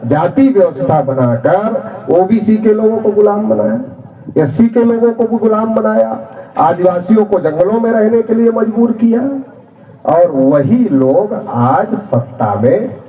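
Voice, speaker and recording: A man speaks at a public rally in an emphatic, storytelling way, voicing short exchanges as he goes. His voice is high and swings widely in pitch, and he talks slowly. The recording is dull and lo-fi, picked up from some distance. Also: lively intonation, reverberant. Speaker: political speaker. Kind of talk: public political speech.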